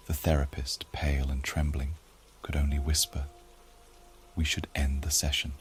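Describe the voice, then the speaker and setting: A man narrating a scripted horror story in a hushed, often half-whispered delivery. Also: rumbling low, a little hiss or hum.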